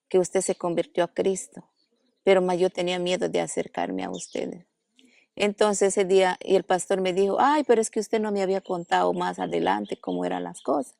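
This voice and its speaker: A woman's voice: on the low side, vocal fry, warm tone, dry recording. A woman pastor from the Amazon jungle giving her testimony in an interview, telling the story and acting out the quoted dialogue, recorded at a family house in a jungle village. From Amazon jungle region.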